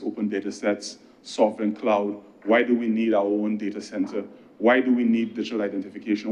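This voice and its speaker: A government minister with a Barbadian accent gives a speech in parliament, weaving in anecdotes. He's conversational and earnest, uses emphatic pauses, and has a lowish, slightly mellow voice.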